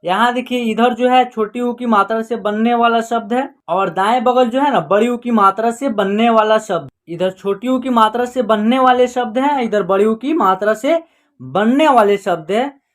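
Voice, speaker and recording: A woman teaching Hindi reading online. She explains patiently and repeats herself, drawing out single syllables one by one and often adding the filler "jo hai na". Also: fairly high pitch. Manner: patient, repetitive, slowly sounding out syllables. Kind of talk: explanatory lesson narration.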